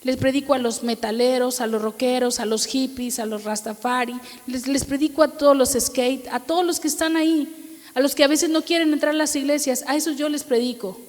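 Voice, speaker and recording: A woman's voice: high voice, steady tone, fairly quick, a little mellow, long reverb tail. A middle-aged woman pastor with a Mexican accent, preaching a sermon and acting out the dialogue of her own story. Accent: Mexican Spanish. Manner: storytelling, acts out dialogue, asks audience for amen.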